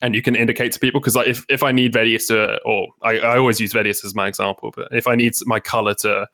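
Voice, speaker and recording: A man's voice: medium pitch, level tone, quick pace, pushed and bright. A man, a guest esports caster, talking casually at length in a podcast interview, often restarting his sentences. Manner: chatty, explains at length with many restarts.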